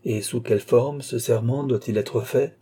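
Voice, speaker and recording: A man's voice: mid-range voice, normal speed, mellow, slightly rough, close to an everyday voice. A man voicing a desperate, bitter young woman held captive, pleading and accusing in a raised voice. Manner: bitter, pleading, rising into outbursts.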